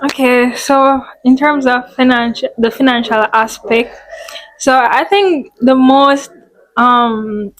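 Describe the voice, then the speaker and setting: A woman's voice: sits high, slow, poor audio. A woman from Jamaica, talking hesitantly with many fillers as a guest in a casual chat. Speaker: guest, medical student.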